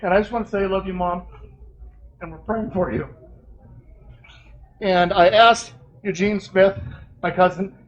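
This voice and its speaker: A man's voice: sits high, steady tone, measured pace, pauses often, muffled recording. A man hosting a live event, giving informal announcements in a plain-spoken, homespun way. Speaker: event host.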